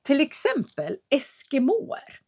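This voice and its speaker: A woman teaching in a live lesson, answering viewers and speaking clearly, with careful articulation and a patient, explanatory manner. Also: high voice, huge pitch swings, darkish tone. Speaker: Swedish teacher.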